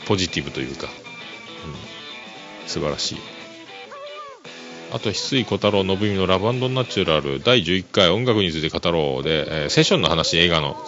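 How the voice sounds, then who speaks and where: This solo podcast host has a low, animated voice at normal speed and pauses often. He's relaxed and chuckling, filling his talk with fillers, on a dull lo-fi recording with music playing beneath.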